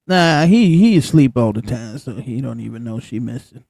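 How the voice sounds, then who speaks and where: A young man co-hosting a casual chat show, talking in an animated, excitable way and swearing freely. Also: mid-range voice, moderate pace, gravelly, dry recording. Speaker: co-host.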